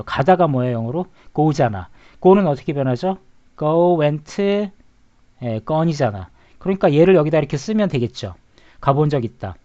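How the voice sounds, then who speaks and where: A man's voice: fairly high pitch, darkish tone. A man teaching an English grammar lesson, explaining step by step, answering his own questions and often checking that the listener follows. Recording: dull lo-fi sound.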